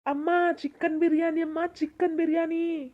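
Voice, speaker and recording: Woman doing a whiny pleading son, high flat voice, tinny phone-line sound, comedy skit. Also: brisk, heavy background noise, close to an everyday voice. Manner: whiny, pleading, repeats "amma". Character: young son, soft-spoken, craving biryani and pizza. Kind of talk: comedy skit role-play.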